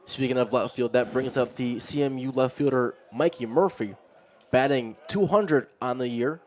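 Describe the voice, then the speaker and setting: A male play-by-play announcer with a medium-pitched voice calls a baseball game live. He follows each pitch as it happens in a conversational way. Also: moderate pace, a little mellow. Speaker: play-by-play commentator.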